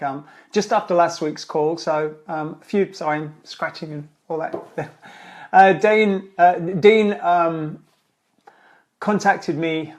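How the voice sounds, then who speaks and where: A man with a slightly raised voice hosts a casual live-streamed Q&A as a speaking trainer. He rambles in a friendly way, full of fillers and false starts, with light laughs now and then. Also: a little high. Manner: chatty, rambling, with many fillers and restarts.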